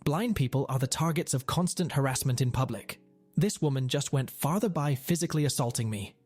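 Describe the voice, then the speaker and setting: A man's voice: medium pitch, fairly quick, darkish tone, breathy edge, faint music behind. A man reading a first-person story aloud in an earnest, plain way. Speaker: story narrator.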